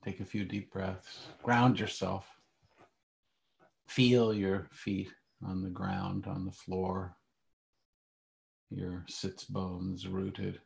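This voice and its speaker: A man teaching meditation, leading a calm grounding exercise in short, hushed phrases with long pauses. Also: deep voice, creaky, rough recording.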